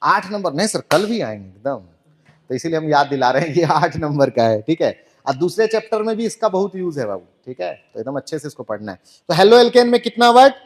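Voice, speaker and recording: A man's voice: on the high side, big pitch swings, fast, darkish tone. A man teaching chemistry in an online class, playful and joking, firing rhetorical questions at students.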